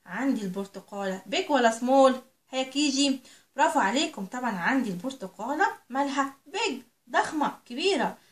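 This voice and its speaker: An Egyptian woman teaching English to young children, stretching out the English words slowly and quizzing the kids with questions. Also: sits high, lively intonation, reverberant. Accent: Egyptian Arabic. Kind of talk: recorded lesson for young children.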